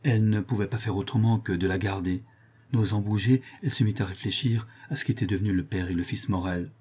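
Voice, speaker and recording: Low, husky male narrator. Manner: measured, steady storytelling. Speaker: audiobook narrator. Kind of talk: scripted narration.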